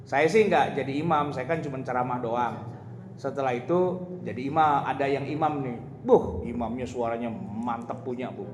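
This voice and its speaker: A man's voice: medium pitch, normal speed. A man giving an informal religious lecture, chatty and humorous, often laughing and addressing his audience directly. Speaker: Islamic preacher. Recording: echoey hall with loud ambient noise.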